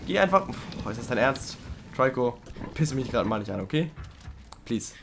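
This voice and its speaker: A man's voice: normal speed, background noise. Chatty man commenting on gameplay. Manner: chatty, talks to the game creature, swings between loud pleading and low muttering. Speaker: let's play gamer. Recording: game music playing underneath. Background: game music.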